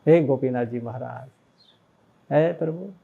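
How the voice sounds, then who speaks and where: A man, a swami, giving a devotional sermon that he tells as a story, with animated and emotional exclamations. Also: mid-range voice, a little slow, creaky, breathy edge, muffled recording. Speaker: swami preaching.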